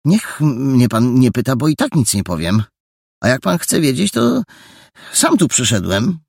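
A man's voice: mid-range voice, sing-song, a little slow, creaky, a little mellow, slightly rough, dry recording, studio quality, voice pushed up, exaggerated voice. A man voicing a frightened but defiant young boy detective who answers back stubbornly in a storybook reading.

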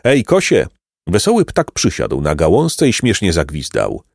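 Male narrator, storybook reading, expressive, low voice, dry sound. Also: normal speed, gravelly, no echo.

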